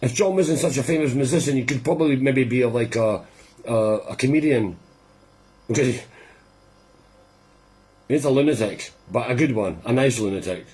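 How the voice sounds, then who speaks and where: A man hosts a live listening party, chatting loosely and rambling with quiet amusement while the record plays. His voice is medium in pitch with a breathy edge, and he speaks at a moderate pace broken by long pauses.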